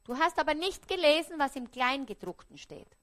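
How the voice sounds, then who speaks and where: Austrian woman preaching a parable, bright voice. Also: sits high, big pitch swings, moderate pace. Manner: storytelling, often dropping to a hushed, quiet voice. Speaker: stage speaker. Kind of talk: preaching a parable to a live audience. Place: stage before an audience.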